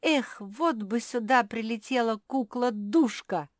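A woman voicing a young girl animal with a tail, excited and clinging to her favourite toy, in a storybook. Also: fairly high pitch, slow, dry recording, clean studio sound, voice pushed up. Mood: excited, anxious.

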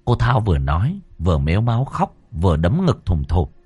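A man narrating a ghost story in an expressive, dramatic way, close to the microphone. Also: low-pitched, moderate pace, slightly rough, no echo, faint music behind.

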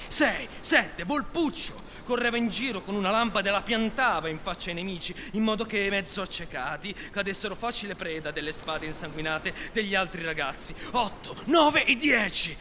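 A man narrating a storybook reading on the radio with lively, sharp delivery. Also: high voice, in a large hall, slight background noise. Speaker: story reader.

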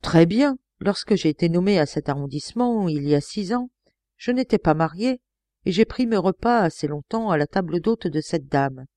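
A woman's voice: on the low side, expressive, normal speed, dark tone, no room sound, natural voice. A woman reading an audiobook, voicing a genial, blustery male police commissioner with hearty exclamations.

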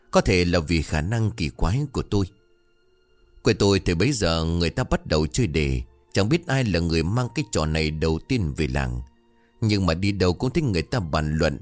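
A man with a fairly low voice narrates a first-person ghost story. His delivery rises and falls with lively expression, and soft music plays behind him. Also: no echo.

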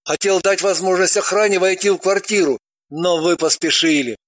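A woman voicing a flustered, grateful rich man in an audiobook, lowering her voice with a changed timbre and explaining earnestly. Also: moderate pace, dry recording, clean studio sound, natural voice.

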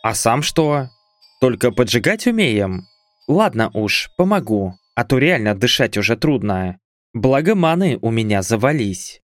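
A man's voice: mid-range voice, big pitch swings, unhurried, dry recording, clean studio sound, faint music behind. A man reading a first-person fantasy audiobook with wry, conversational asides. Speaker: audiobook narrator.

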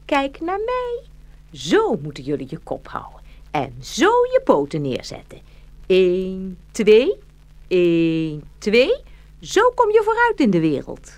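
In a children's fairy-tale radio play, a woman voices a motherly stork, switching between scolding and coaxing in a brisk, animated way. Her voice sits in the mid range, and she sounds like she's giving instructions.

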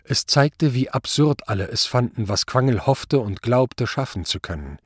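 Husky male narrator, dramatic audiobook read, lively pitch, dry close sound. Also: moderate pace, dry recording. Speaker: reader.

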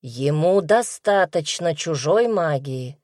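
A woman's voice: sits low, lively intonation, takes it slowly, a little mellow, no room sound, clean studio sound. A woman doing a stern male healer.

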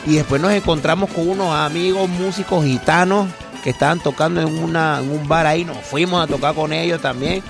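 Over music, a man with a fairly high, creaky voice talks fairly quickly and hardly pauses. He's a musician guest, an immigrant living in Spain, chatting loosely in a radio studio interview, telling rambling stories and repeating his words.

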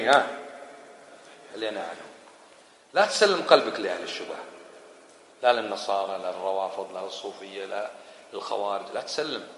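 A man teaching a religious lesson in a lively, colloquial way, firing rhetorical questions at his listeners. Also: on the high side. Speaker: Islamic scholar teaching a book. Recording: echoey room, faint background hiss.

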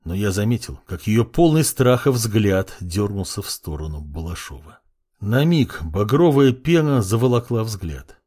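Husky man narrating a dark audiobook. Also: fairly low pitch, sing-song, measured pace.

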